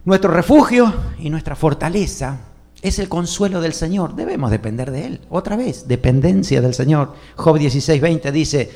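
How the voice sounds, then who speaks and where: Spanish-speaking preacher with a raised voice. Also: male voice, a little high, lively intonation, moderate pace. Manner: swings between loud emphatic lines and soft, hushed asides; asks the congregation questions. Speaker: pastor. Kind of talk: sermon.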